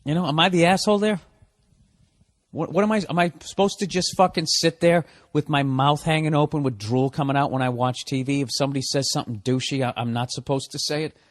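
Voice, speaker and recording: A man's voice: on the high side, fairly even intonation, a little fast, no echo. A man hosting a podcast, ranting casually in a profane, exasperated, rambling way. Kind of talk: casual comedic rant.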